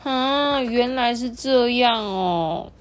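A woman voicing a lonely little red button in a children's story, high and childlike. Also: drawn-out words. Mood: eager.

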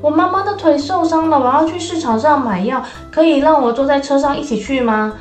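A tiny, eager spotted puppy from a children's storybook, with a very high, childlike voice, as a woman plays it. It asks politely for help, and an echoey room and faint music sit behind the voice. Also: a little fast, natural voice.

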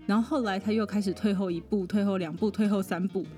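A woman, a psychologist guest on a podcast, telling a personal story in a lively way, often laughing and mimicking other people. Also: mid-range voice, fast, soft background music.

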